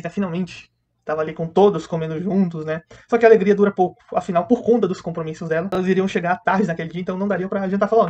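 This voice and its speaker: An anime reviewer whose voice sits high with a darkish tone gives a casual, chatty recap of episodes, rapidly retelling the plot and quickly mimicking the characters' lines.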